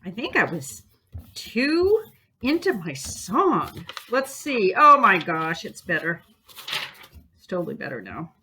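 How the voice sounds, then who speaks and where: A woman's voice: mid-range voice, huge pitch swings, slow pace, pauses often, slight background noise. A woman teaching a bookbinding class, chatty and encouraging, talking students through each step and humming as she works. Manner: chatty and encouraging, hums and sings while working. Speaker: art teacher. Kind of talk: bookbinding demonstration.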